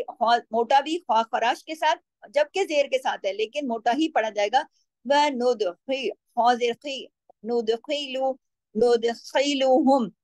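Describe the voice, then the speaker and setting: A woman's voice: fairly high pitch, dry recording. Patient woman teaching Quran recitation. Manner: patient, explanatory, slows to drawn-out chanted demonstrations of words. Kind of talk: tajweed lesson, explaining and demonstrating recitation.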